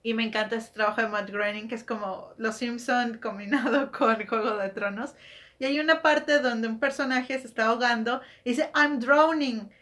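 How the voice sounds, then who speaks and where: A woman talks through her topic like a book vlogger, chatty and quick to correct herself mid-sentence. She keeps throwing rhetorical questions at her viewers. Her voice sits a little on the high side. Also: fairly even intonation, a bit bright. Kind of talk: casual explanatory monologue.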